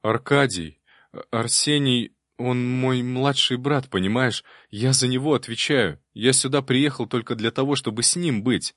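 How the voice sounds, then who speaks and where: A man's voice: mid-range voice, unhurried, a bit bright, no room sound, studio quality, voice pushed up, lightly acted. A man voicing a frightened, stubborn young novice monk who talks in a desperate, pleading way. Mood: anxious.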